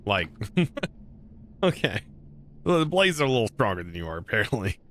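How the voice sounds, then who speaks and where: A man's voice: lowish voice, big pitch swings, normal speed, background noise. A man in his thirties from the United States, rambling and joking with his viewers while he plays. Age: 30s. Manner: rambling, joking, talking to chat between actions. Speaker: live streamer. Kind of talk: casual gameplay chat with viewers.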